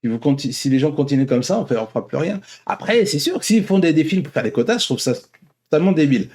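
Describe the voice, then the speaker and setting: A fast-talking man with a fairly high pitch, lively intonation and a slightly mellow sound hosts an online vlog, giving casual opinions off the cuff. He rambles and often repeats or rephrases himself. A little hiss or hum can be heard.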